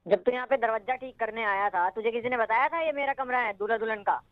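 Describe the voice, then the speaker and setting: Man, angry phone complaint, scolding, insulting, very high voice, fast, muffled phone line. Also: dry recording. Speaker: phone caller.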